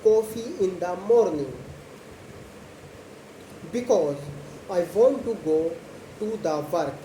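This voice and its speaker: A young woman speaks English as a second language at an extremely slow, deliberate pace, pausing between short simple phrases. Her voice is soft-edged and mellow. The recording has an echoey room sound with faint noise behind it. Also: on the low side. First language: not English. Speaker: host of a slow English speaking practice video. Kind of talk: slow spoken monologue about a daily routine for English learners.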